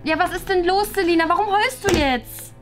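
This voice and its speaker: Woman doing a strict impatient mom, high voice, scolding, music in the background. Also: moderate pace. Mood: stern. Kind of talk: family role-play drama.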